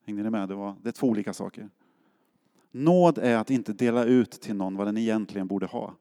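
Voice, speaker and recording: Gravelly-voiced man preaching in a hall. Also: lowish voice, warm tone. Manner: casual storytelling, acts out quotes. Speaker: pastor. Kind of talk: sermon. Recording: long hall reverb.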